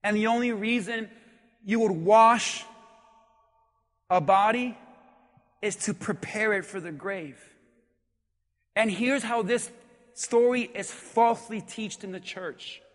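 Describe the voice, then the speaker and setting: High-voiced preaching man, hall reverb. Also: slow pace, long pauses. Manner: animated preaching, acts out congregation voices, shouts for emphasis. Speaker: pastor. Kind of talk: sermon. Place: church sanctuary.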